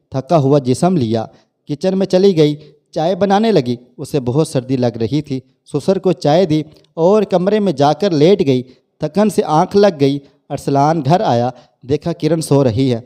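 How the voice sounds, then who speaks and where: Mellow-voiced man telling a story. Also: a little high. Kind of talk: scripted story narration.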